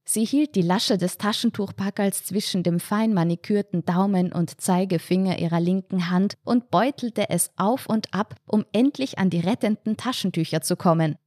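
A woman, reading a humorous short story aloud in a calm, wry narration. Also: medium pitch, normal speed, few pauses, no echo, studio quality.

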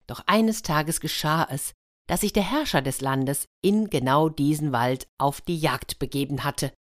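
A woman telling a fairy tale to children, lively, with chatty asides to her listeners. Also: low-pitched, a little slow, no room sound, studio quality. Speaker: children's storyteller. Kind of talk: storytelling for children.

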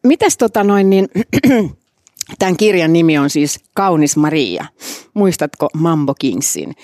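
A woman hosting a casual book-club podcast, chatty and quick to laugh. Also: sits low, big pitch swings, darkish tone, no echo, studio quality. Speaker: podcast host.

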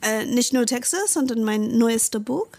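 A British woman with an English accent, a native speaker, chats animatedly as a guest and reads her own story aloud. Her voice is a little high, a little mellow, and fairly even in intonation, her pace a little slow, and she often repeats words while searching for them.

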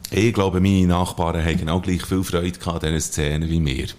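A man co-hosting a casual chat, brisk with laughing asides. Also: low-pitched, fairly even intonation, over loud music. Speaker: podcast co-host. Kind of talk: casual chat and scene narration.

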